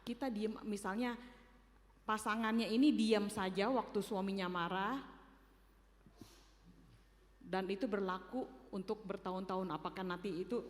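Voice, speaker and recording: A woman's voice: medium pitch, steady tone, moderate pace, long pauses, long reverb tail. A woman from the congregation asking the speaker a question, hesitant and often restarting her sentences. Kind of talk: question from the audience.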